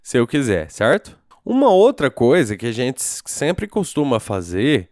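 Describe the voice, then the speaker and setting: A programming teacher with a Brazilian Portuguese accent records a casual screencast tutorial, thinking aloud and checking in with the viewer after each step. His medium-pitched voice is unhurried and a little mellow, with huge swings in pitch. The recording is dry and studio quality.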